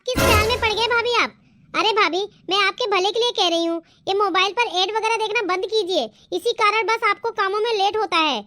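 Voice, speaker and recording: A woman's voice: very high voice, a little fast, sharp tone, slight background noise. A woman voicing a scheming young married sister-in-law who wheedles and plays the victim in a cartoon. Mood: needling.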